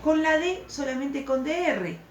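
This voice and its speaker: A woman's voice: high voice, animated, measured pace, highs cut off. A woman teacher, patiently explaining a recorded lesson and checking in with the class through questions. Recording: echoey room, faint background noise.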